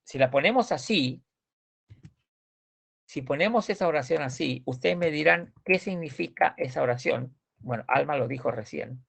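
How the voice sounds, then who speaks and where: A man's voice: fairly high pitch, lively intonation, moderate pace, gravelly, a bit bright. A man teaching a language grammar class, explaining patiently and often asking students if they follow. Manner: patient, repeats words, asks checking questions. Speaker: Swedish teacher.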